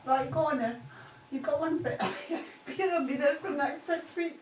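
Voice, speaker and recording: Giggly high-voiced woman, off in an echoey room. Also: moderate pace, a little mellow, a little hiss or hum. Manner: giggly, struggling to keep a straight face. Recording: echoey, distant room sound.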